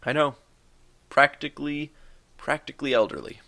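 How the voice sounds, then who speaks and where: This is a man in his twenties who makes gaming videos on YouTube, answering questions from viewers in a casual vlog full of jokes, tangents and fillers. His mid-range voice is gravelly yet bright, delivered forcefully at a normal speed.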